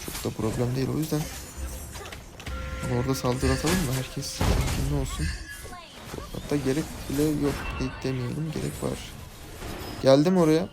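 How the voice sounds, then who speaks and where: A young man, casually commenting his own ranked game, excitable and chatty with teammates and viewers. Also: mid-range voice, normal speed, pauses often. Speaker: gaming YouTuber. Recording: game music behind the voice.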